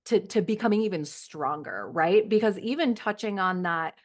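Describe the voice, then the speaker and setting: A woman's voice: medium pitch, animated, moderate pace. A young woman hosting a podcast, asking long, rambling questions full of "like" in casual chat. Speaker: podcast host.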